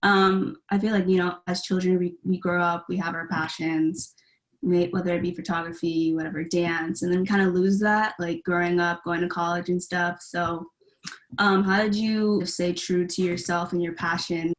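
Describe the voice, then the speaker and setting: A young woman hosts a podcast interview. Her voice sits a little low, and she asks her questions in an easy, conversational way. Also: flat delivery, moderate pace. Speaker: podcast host.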